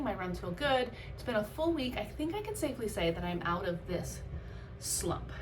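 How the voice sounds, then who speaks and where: A medium-pitched woman, a vlogger and amateur runner, chats casually and candidly about her own experience, reflective and conversational with emphatic bursts. The background is noisy.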